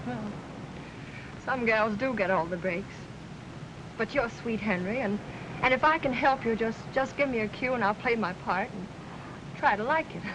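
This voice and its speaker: An actress playing a wry, kindly young woman friend in a 1930s film, soft and a little hesitant. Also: fairly high pitch, normal speed, pauses often, close to an everyday voice. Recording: distant, hissy 1930s film sound.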